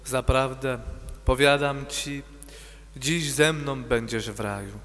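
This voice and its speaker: A man reading the words of Jesus in a liturgical Passion reading, slow and solemn. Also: mid-range voice, fairly even intonation, fairly bright tone. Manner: slow, measured, solemn delivery. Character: Jesus, solemn grown man, calm and grave. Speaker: reader of the Passion. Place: church. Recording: long church reverb.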